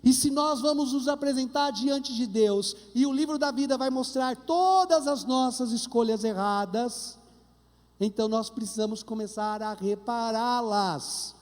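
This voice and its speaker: High-voiced Brazilian priest preaching. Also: male voice, unhurried. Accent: Brazilian Portuguese. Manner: animated preaching with humorous anecdotes. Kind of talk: sermon at Mass. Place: large church. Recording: reverberant church hall.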